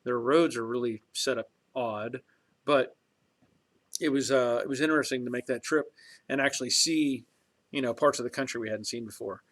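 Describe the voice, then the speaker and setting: A man's voice: mid-range voice, normal speed, fairly bright tone. A man in his early fifties hosting a casual livestream, chatting in a rambling, reflective way with many fillers and restarts while reading viewer comments. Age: 50s. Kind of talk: casual chat.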